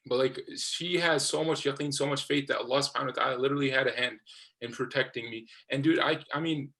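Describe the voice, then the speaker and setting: A man's voice: mid-range voice, fairly even intonation, quick pace, bright, forceful tone, low-quality recording. A young man co-hosting a talk show, telling a personal story in a rambling, hesitant way. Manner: rambling, hesitant, many restarts, laughs easily. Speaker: co-host.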